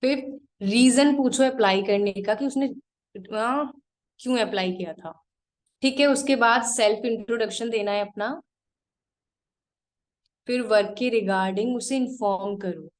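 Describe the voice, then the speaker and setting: A woman with a fairly high voice leads a live online class as the trainer. She talks in a direct, practical way and goes over her points one by one, repeating them slowly for students taking notes.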